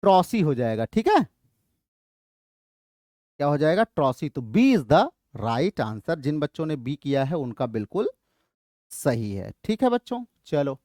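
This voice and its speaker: A man's voice: fairly high pitch, sing-song, unhurried, pauses often, a little mellow, no room sound, clean studio sound. A man with an Indian English accent teaching an exam-prep lesson. He repeats his points often and asks questions that he answers himself.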